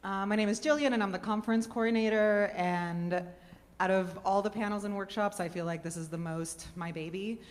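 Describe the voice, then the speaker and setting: A woman's voice: medium pitch, fairly quick. Woman moderating, hall reverb. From Puerto Rico. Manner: chatty, relaxed, with filler words. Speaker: panel moderator. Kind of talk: casual panel talk. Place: conference venue hall.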